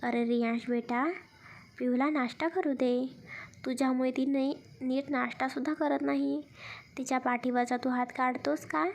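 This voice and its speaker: Woman voicing old grandmother, kindly, amused, gently chiding, high voice, storybook. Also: steady tone, normal speed, gravelly.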